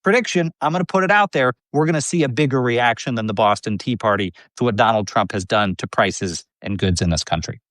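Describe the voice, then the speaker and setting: A male guest in a political discussion, talking animatedly and slowing down for emphasis. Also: mid-range voice, fairly bright tone, no room sound. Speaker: guest commentator.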